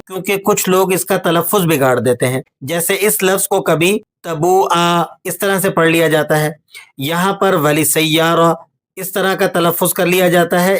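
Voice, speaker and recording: Man, higher-pitched voice, patient tajweed teacher, slow drawn-out recitation. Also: fairly bright tone. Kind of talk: tajweed lesson explaining pronunciation rules.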